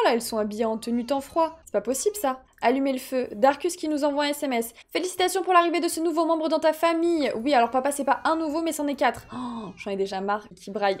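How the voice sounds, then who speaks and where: A woman's voice: high voice, a little mellow. A woman hosting a let's play, chatting expressively and talking to her game characters as she plays. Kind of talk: casual gameplay commentary.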